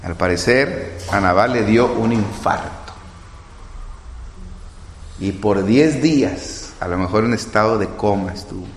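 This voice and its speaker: A man's voice: fairly low pitch, measured pace, pauses often, slight background noise. A man preaching a sermon, retelling scripture and acting out the quotes with drama. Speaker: pastor. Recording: echoey hall with long reverb.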